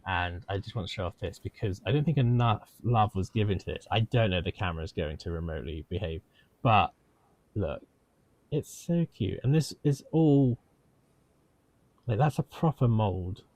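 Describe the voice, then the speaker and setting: A man's voice: on the low side, moderate pace, dry recording. A man co-hosting a podcast in playful, casual chat, sounding a little unwell. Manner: animated and playful, hosting segments. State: unwell, voice strained. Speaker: podcast co-host.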